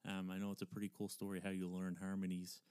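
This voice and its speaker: Clear, low-voiced man hosting a podcast. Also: completely flat delivery, fast, darkish tone, no room sound, studio quality. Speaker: podcast host. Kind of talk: casual conversational podcast hosting.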